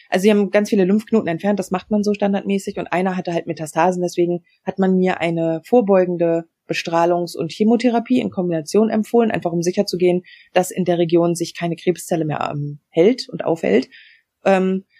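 A woman in her forties speaking as a podcast guest, laying out her story in a frank, matter-of-fact way. Her voice is mellow and a little husky, and she drops in fillers as she explains. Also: lowish voice. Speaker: interview guest. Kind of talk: personal storytelling in a podcast interview.

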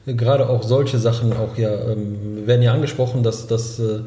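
A man's voice: mid-range voice, steady tone, moderate pace, mellow, reverberant. A man co-hosting a casual talk show, hesitant and searching for words with many restarts. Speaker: podcast co-host. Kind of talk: casual discussion.

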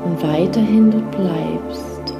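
A woman guides a meditation in a soothing, unhurried sleep story narrator manner, with short phrases and long pauses. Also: fairly low pitch, gravelly. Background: new-age music.

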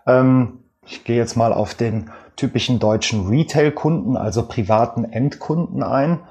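A guest expert with a Rhineland German accent answers interview questions in a measured, explanatory way, often using fillers. His voice is medium-pitched and a little mellow.

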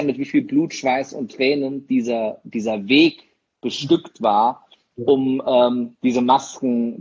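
A man interviewing a guest, asking questions hesitantly, with a husky voice. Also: mid-range voice, a little mellow, highs cut off. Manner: hesitant, many fillers and restarts. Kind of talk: interview conversation.

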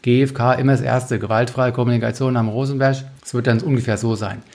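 A man's voice: medium pitch, fairly even intonation, fast, vocal fry, a little mellow. A man coaching on handling conflict, talking bluntly and colloquially, often tagging his points with a questioning "ne?". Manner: colloquial, blunt, with frequent "ne?" tags. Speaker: communication coach.

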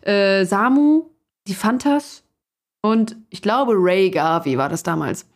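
A woman's voice: mid-range voice, expressive, takes it slowly. A young adult woman, a singer and guest, chatting loosely in an interview with many fillers and laughs. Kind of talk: casual storytelling interview.

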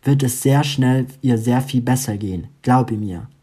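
A man voicing a calm new schoolgirl who gives steady, reassuring instructions. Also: mid-range voice, measured pace, breathy edge.

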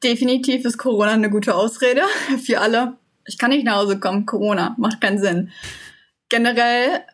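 A young woman from Germany, a guest in a casual interview, talking earnestly in long flowing sentences. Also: mid-range voice. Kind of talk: casual conversation.

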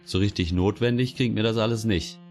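A man's voice: fairly low pitch, fairly quick, a little mellow, soft background music, close to an everyday voice. A man voicing a blunt, irritated young woman in a spoken story.

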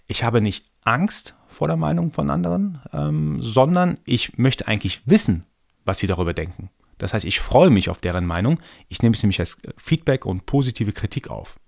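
Gravelly-voiced man musing on a podcast. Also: medium pitch, lively intonation, normal speed, a little mellow, no room sound, clean studio sound. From Iran. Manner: thoughtful, explaining step by step. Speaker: podcast host. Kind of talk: solo podcast monologue.

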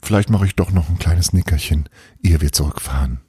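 A man's voice: low voice, warm tone, breathy edge, no room sound, studio quality. Man voicing a shy stammering boy. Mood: sleepy. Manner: stammering, hurried. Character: young boy Bruno, shy and flustered.

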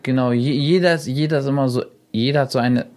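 A man's voice: mid-range voice, fast talker. Young man telling stories, casual. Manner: animated, acts out quoted dialogue. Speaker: YouTuber and radio guest. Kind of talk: casual storytelling.

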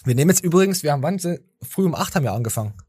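A man's voice: on the high side, animated, racing, a little mellow, slightly rough, no echo. A tired man hosting a podcast, rambling and joking with stammering restarts. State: tired from little sleep. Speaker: podcast host. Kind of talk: casual chat.

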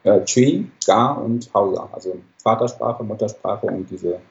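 A Ghanaian-born surgeon in his forties who grew up in Hamburg tells his story as a podcast guest in a casual interview. He talks a bit slowly in a lowish voice with vocal fry, and the recording sounds muffled. His account meanders, full of fillers and corrections of himself.

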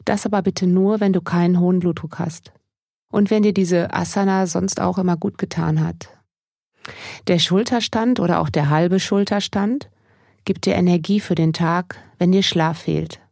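A woman podcast host and mindfulness coach speaking as a gentle sleep meditation narrator, addressing the listener directly in a mellow, slightly husky, creaky voice. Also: fairly low pitch, fairly even intonation, normal speed, no echo, clean studio sound.

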